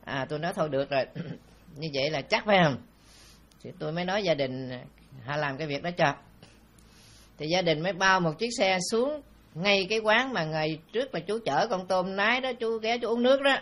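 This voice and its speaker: A man, a Buddhist monk with a Southern Vietnamese accent, tells a story in a dharma talk in a relaxed, anecdotal way with frequent filler sounds. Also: sits high, a little fast.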